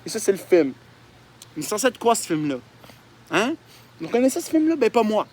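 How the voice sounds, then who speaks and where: A very animated young Québécois YouTuber talks fairly quickly about his own childhood drawings, his high voice a little mellow. He swears often and pokes fun at himself in this casual vlog, over a faint background hum.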